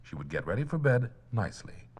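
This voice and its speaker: A man narrating a children's story in a gentle, playful storytelling manner on an old mono record. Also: lowish voice, sing-song, brisk, breathy edge.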